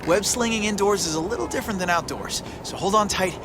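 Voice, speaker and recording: A young American superhero in a video game. He sounds earnest and devoted with a wry streak. Loud music plays behind his lines. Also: high-pitched, fast. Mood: relieved, wry. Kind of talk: video game cutscene acting.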